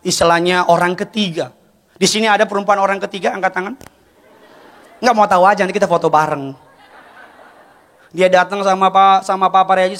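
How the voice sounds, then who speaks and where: A man preaching a sermon in a church hall, animated storytelling that often rises to shouts. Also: high voice. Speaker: pastor.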